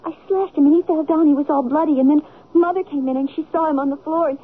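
A woman's voice: high-pitched, steady tone, fast talker, lightly acted. An actress playing a distraught teenage girl in an old radio drama, pleading and insistent, on a tinny lo-fi broadcast recording. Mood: confessing. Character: distraught teenage girl Helen, guilt-ridden.

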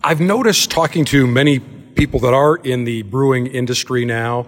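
A man's voice: mid-range voice, normal speed, big-room sound, soft background music. A man hosting a travel show, interviewing a guest in a large tasting room and telling stories as he asks questions. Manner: chatty, storytelling interviewer. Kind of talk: hosted interview.

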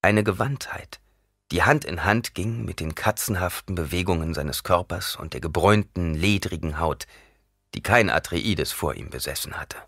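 A man reading an audiobook aloud in an expressive, dramatic narration. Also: deep voice, moderate pace, creaky, dry recording, clean studio sound. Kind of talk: scripted narration.

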